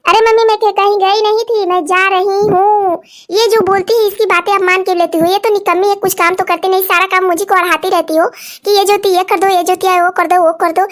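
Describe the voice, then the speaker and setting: A woman's voice: extremely high pitch, steady tone, brisk. A woman voicing a sassy, mocking younger sister in a cartoon story. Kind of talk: cartoon voice acting.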